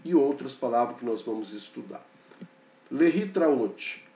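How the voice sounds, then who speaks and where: A man teaching a slow, explanatory grammar lesson, pointing things out on a board and checking in often with short fillers. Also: mid-range voice, mellow, far from the mic. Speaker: Hebrew teacher. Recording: dull, echoey room, off-mic.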